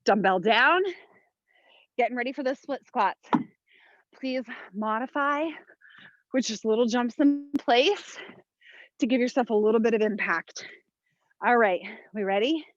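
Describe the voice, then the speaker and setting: A woman's voice: a little high, a little slow, pauses often, dry recording, muffled recording. A woman leading a follow-along workout as a fitness instructor, giving motivational short commands and counts while exerting herself. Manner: exerting while talking, audible breaths and sighs.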